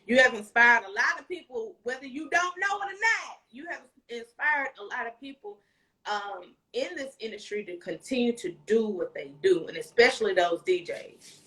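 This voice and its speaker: A woman's voice: a little high, animated, normal speed, sharp tone, poor audio. A woman in her thirties with an Alabama Southern accent, hosting a casual live interview in an encouraging, emphatic way. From Alabama, United States. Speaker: interview show host. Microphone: phone at arm's length, video call.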